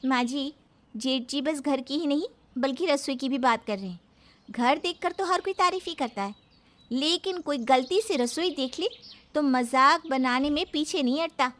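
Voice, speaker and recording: A woman's voice: high voice, moderate pace, a bit bright. A woman voicing a young daughter-in-law who complains and pleads about the old kitchen. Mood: complaining.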